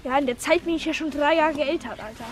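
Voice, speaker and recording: A woman playing a scatterbrained 66-year-old mother in a comedy sketch. She is hoarse from a cold and rambles crudely outdoors on a rainy street. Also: sits high, fast, slight background noise, lightly acted. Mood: chatty. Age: 60s. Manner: talks quietly so she won't wake the neighbours. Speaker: title character. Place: outdoors on a steep street in the rain.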